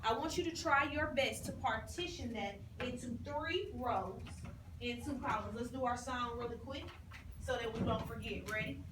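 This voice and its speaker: Lady teacher w high voice running class like an exam proctor, firm short orders, countdowns, roomy far-off noisy recording. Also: moderate pace. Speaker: second-grade teacher. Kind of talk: classroom instruction with call-and-response prompts. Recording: roomy, distant mic, clear classroom noise.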